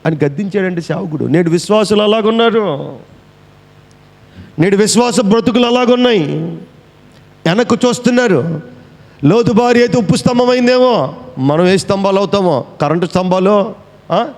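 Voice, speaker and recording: Male preacher, high pitch, questioning and scolding the congregation, echoey hall. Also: moderate pace, long pauses, darkish tone. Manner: scolding, mocking. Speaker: pastor. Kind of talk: sermon.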